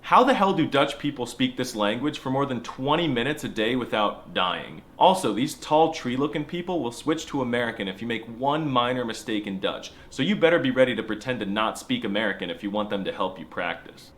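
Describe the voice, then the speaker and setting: A man's voice: mid-range voice, lively intonation, a little fast, few pauses, fairly bright tone. A man narrating a scripted comedy video with sarcastic, mock-serious jokes. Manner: slips into mock accents.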